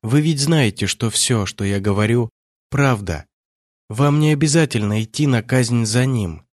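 A man's voice: medium pitch, unhurried, darkish tone, no echo, studio quality, close to an everyday voice. A man voicing a young prince who speaks in a friendly, persuasive way.

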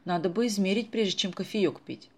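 A reader voicing a brisk, know-it-all woman accountant in a storybook. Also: mid-range voice, a little mellow, husky, voice pushed up.

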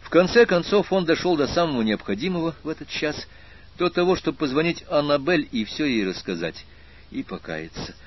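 A man narrating an audiobook in a measured, expressive reading with a husky voice. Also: fairly high pitch, lo-fi sound. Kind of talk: scripted narration.

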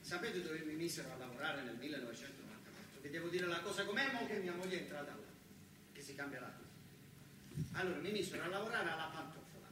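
On the high side and quick-paced, this stage actor delivers a theatrical monologue in character with a southern Italian accent. He plays a chatty, self-mocking, exasperated young father who works in a car factory, speaking emphatically and colloquially with repeated words, captured in a distant, noisy, heavily echoing stage recording.

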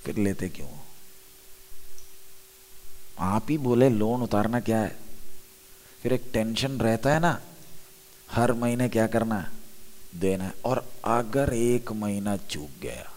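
A man's voice: fairly low pitch, slow pace, long pauses, a little mellow. A man preaching a sermon in at a youth conference, asking the crowd questions and answering them himself. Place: large hall at a youth conference. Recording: long hall reverb.

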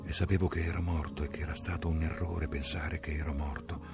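Male narrator for a literary audiobook: very low, rough-textured voice, grave and measured, with music playing underneath. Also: level tone. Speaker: audiobook reader.

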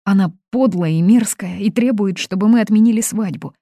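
A woman's voice: fairly quick, warm tone, dry recording, studio quality, close to an everyday voice. A woman reading aloud, voicing a young woman who is crying and pleading in distress. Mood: distraught. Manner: pleading, high-strung. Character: young woman, sobbing, desperate bride-to-be. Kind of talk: audiobook reading.

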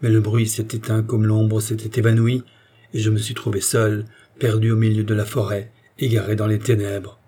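A man's voice: on the low side, normal speed, natural voice. A man reading a grave, firm nobleman. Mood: melancholy. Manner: calm, firm and melancholy. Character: grave, brooding nobleman officer, male, middle-aged.

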